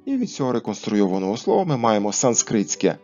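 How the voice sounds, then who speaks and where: A man narrating an educational talk on word history, explaining clearly and stressing each example word. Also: on the low side, big pitch swings, fast talker, darkish tone, muffled recording, faint music behind. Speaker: language history presenter.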